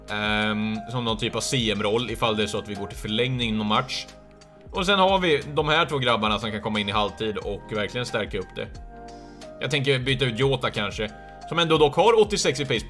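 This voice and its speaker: A young man giving live commentary on his own football video game match, chatty and quick to shout and cheer when goals go in. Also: medium pitch. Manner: excitable, bursts into loud cheers at goals. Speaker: gaming streamer.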